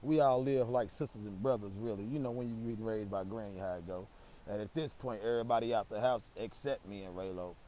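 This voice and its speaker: A man's voice: lowish voice, fairly quick, dark tone, a little hiss or hum, rough recording. Rambling, slangy young man telling a story. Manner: slangy, profane, rambling with stammered restarts. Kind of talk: casual storytime.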